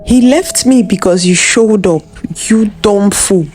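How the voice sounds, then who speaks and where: A jealous young woman rages at her rival in a spoken storybook tale, her voice hard and scornful. A woman puts her on, at a middling pitch, with faint music underneath. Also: a little slow, close to an everyday voice. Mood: angry. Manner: shouting, scornful.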